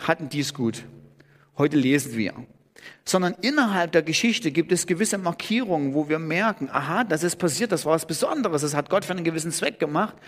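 A man preaching a sermon in German, thinking aloud with restarts and rising sharply on key words. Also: on the high side. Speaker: pastor.

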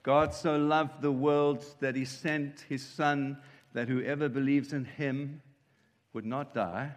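A man's voice: medium pitch, fairly even intonation, takes it slowly. A man, preaching earnestly in short emphatic lines that an interpreter follows. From South Africa. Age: 50s. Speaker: guest preacher. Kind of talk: sermon with live interpreter. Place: church hall. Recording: long church hall reverb.

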